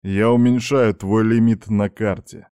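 A man's voice: fairly low pitch, fairly even intonation, unhurried, mellow, clear, resonant tone, no room sound, studio quality, close to an everyday voice. Man reading a stern lecturing father. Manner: firm, reproachful. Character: stern middle-aged father, lecturing son.

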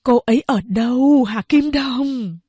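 An older mother frets and pleads over her son, who has lost his mind, as a woman reading the story puts her on. Her husky voice moves slowly and sits somewhat high. The sound is close and dry, as in a storybook reading. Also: warm tone, no echo, dull audio, full character voice. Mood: anxious. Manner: wailing, pleading.

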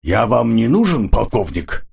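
A matter-of-fact inspector drops his remarks offhandedly, as a male narrator voices him. The voice is low and husky with a lively lilt. It is an audiobook reading. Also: measured pace, exaggerated voice. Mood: offhand.

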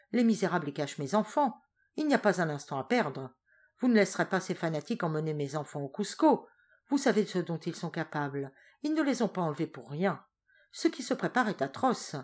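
Frantic nobleman begging a ruler for help, urgent and imploring, read by a woman. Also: lowish voice. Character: desperate aristocratic father pleading for his children.

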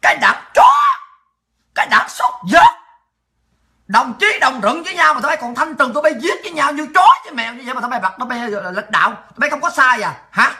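A woman rants to her livestream audience in a very high, sharp and cutting voice. She is furious throughout, hurling insults and often shouting. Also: expressive, racing, hardly any pauses. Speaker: political livestream host. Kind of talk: angry political rant.

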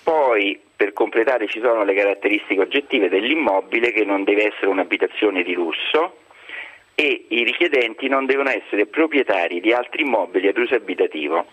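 A man speaking as a guest expert over a landline phone, explaining rules in a measured, formal way. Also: on the low side, animated. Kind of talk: explaining rules on a radio call-in. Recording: dull lo-fi phone line.

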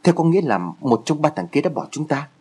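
A man's voice: on the high side, expressive, fast talker, warm tone, slightly rough, voice pushed up. A man voicing a lazy, sleepy teenage boy who grumbles and teases his friend in a horror story reading. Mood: grumbling. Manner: grumbling, teasing.

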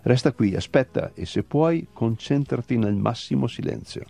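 A man's voice: mid-range voice, expressive, normal speed, creaky, dark tone, soft background music. A man voicing a bossy, irritable male blackbird who acts as a stern master, speaking in an impatient, scolding way.

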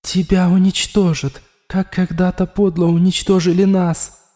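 A man's voice: high-pitched, flat delivery, unhurried, mellow, faint music behind. A man voicing an insistent alien presence inside someone's head, urgent and ominous in turn. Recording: long echoing reverb.

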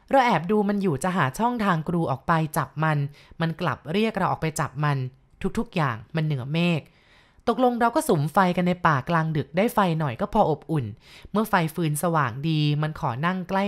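Woman reading a ghost story. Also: lowish voice.

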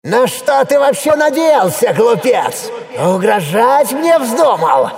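A booming, creaky, gloating enemy voice. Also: male voice, sing-song, long reverb tail, soft background music, heavily acted. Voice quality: thunderous creaky voice. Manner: slow, gloating and mocking.

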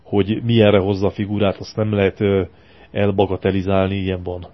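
Crude ranting Hungarian radio host. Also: male voice, sits low, level tone. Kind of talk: casual chat, film review. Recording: compressed lo-fi radio archive.

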